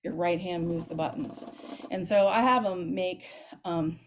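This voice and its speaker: A woman's voice: lowish voice, unhurried, slight background noise. Chatty woman band teacher explaining technique. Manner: lively, chatty, demonstrates as she talks. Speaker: middle school band director.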